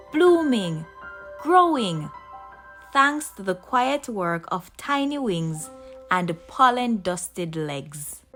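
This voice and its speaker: A woman narrates a scripted children's story in a voice on the high side, expressive and unhurried, with deliberate pauses. Background music plays behind her.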